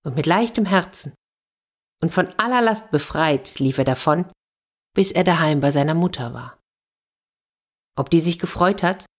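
Low-voiced woman reading a fairy tale. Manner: calm, unhurried, with small asides. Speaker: children's storyteller.

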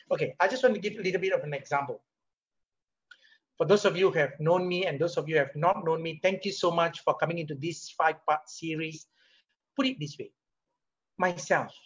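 A middle-aged Singaporean CEO gives a motivational leadership talk over a video call, speaking in a high, husky voice with a Singaporean English accent. He keeps it conversational, tosses out rhetorical questions, and gets animated as he drives his points home. The webcam or laptop mic in his home or office room makes the call audio sound muffled.

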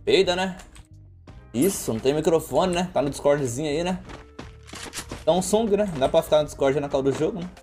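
A man's voice: a little high, fairly quick, long pauses, darkish tone. A man with a Brazilian accent chatting playfully and teasing teammates while streaming a shooter game, with music and gunfire behind. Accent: Brazilian Portuguese. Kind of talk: casual gameplay chat.

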